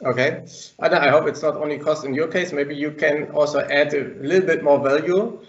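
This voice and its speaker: A man moderating a webinar panel over a group video call, halting and restarting his sentences with many fillers. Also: fairly high pitch, steady tone. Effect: group video call audio. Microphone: computer mic on a video call. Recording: dull, echoey call audio.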